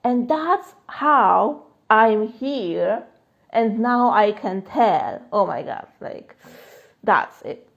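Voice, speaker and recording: This life coach with a Polish accent replies to live-stream chat questions in a loose, chatty way, with lots of fillers and frequent laughter. Her voice sits on the high side, animated, with drawn-out words and vocal fry. The phone recording has its highs cut off.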